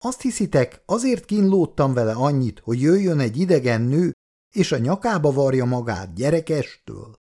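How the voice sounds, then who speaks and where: A man doing a shrill, indignant jealous mother. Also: very animated, warm tone. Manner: scolding, indignant. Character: indignant jealous middle-aged mother, sharp-tongued.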